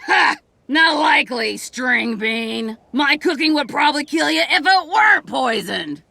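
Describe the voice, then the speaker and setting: A woman's voice: high-pitched, expressive, unhurried, vocal fry, sharp tone, no room sound, raised voice, full character voice. An actor voicing a surly, belligerent old soup lady in a video game, barking at people. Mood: irate, scornful. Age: older. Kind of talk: video game character acting.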